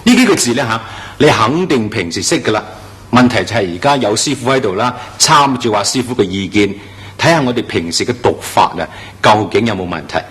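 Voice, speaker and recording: Man, english pronunciation teacher, animated pitch, emphatic, slow drawn-out model words. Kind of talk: classroom-style pronunciation lesson.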